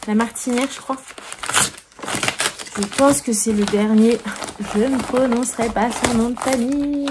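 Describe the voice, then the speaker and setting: A woman's voice: medium pitch, noisy background. A young adult woman vlogging about books she received, talking casually and hesitantly, with many fillers and restarts. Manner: hesitant, full of "euh" and restarts, musing aloud. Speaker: book vlogger.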